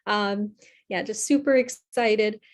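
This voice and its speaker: A woman's voice: medium pitch, slow pace. Earnest young woman leading a workshop. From California, USA. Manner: warm, earnest, with many fillers and restarts. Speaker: psychotherapist leading a wellness workshop. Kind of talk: online workshop presentation. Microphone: video call.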